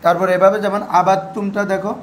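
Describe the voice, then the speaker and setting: A man's voice: high-pitched, little pitch movement, quick pace, slight background noise. A man teaching a class of pupils, asking them questions over and over and having them answer back. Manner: quizzing, repeats questions and has pupils answer. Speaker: teacher of Arabic grammar and Quran recitation rules.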